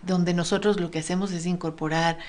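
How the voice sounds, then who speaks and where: Hesitant woman with a lowish voice. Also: steady tone, brisk, darkish tone. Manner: thoughtful, hesitant with many fillers. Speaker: singer guest. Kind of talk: interview answers.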